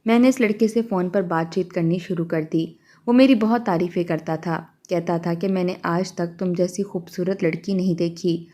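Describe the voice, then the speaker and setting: A woman telling a first-person story in a steady, confiding way. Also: lowish voice.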